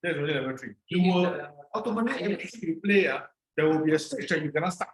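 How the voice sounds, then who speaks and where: A fast-talking instructor with a Singaporean accent and a fairly high, lively voice leads a player through a brain game. He keeps it casual and encouraging, repeating short step-by-step phrases, and the recording sounds spacious and echoey.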